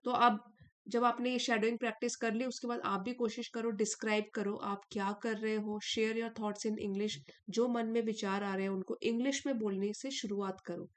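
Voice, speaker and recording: A young woman teacher with a somewhat high voice reads English lines slowly and clearly. Then she explains each word in everyday Hindi. Her delivery is patient and steady, the tone of a classroom lesson.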